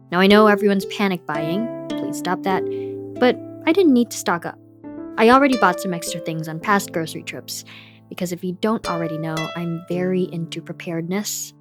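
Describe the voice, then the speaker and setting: A woman hosting a podcast, telling a personal story in candid, scripted narration. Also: on the low side. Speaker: podcast host.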